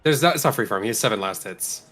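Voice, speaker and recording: A man's voice: lowish voice, expressive, fast, fairly bright tone. A man giving analytical live esports commentary in an explanatory way, breaking down strategy.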